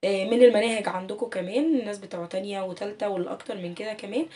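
A woman's voice: medium pitch, fairly even intonation, rapid-fire, warm tone, recorded from a distance. A woman with an Egyptian Arabic accent giving a casual online English lesson, explaining patiently and stretching out sample words. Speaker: English teacher.

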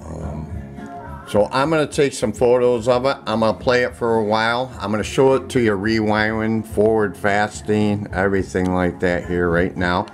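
Filming with a handheld camera from off screen, a man who sells online shows off an item in a room at home. His lowish voice is plainspoken and halting, the demo unscripted and casual, with music coming from audio equipment behind him.

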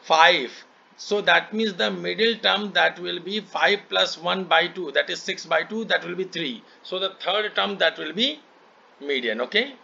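A man with an Indian accent and native Hindi tutors maths in a bright, forceful voice with a gravelly edge. He explains step by step and repeats himself to check understanding. The online call sounds muffled. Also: high voice, a little slow. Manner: repetitive, checking understanding often. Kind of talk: one-to-one lesson, explaining step by step. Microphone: online call microphone.

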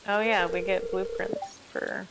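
A woman chatting casually while streaming a farming game, relaxed and swearing now and then. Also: mid-range voice, measured pace, heavy background noise. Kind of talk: casual gameplay chat.

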